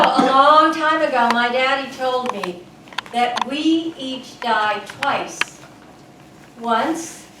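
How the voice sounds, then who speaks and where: High-voiced, unhurried woman storyteller in hall. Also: fairly bright tone. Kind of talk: scripted reflective stage storytelling. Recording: echoey hall, far mic, faint noise.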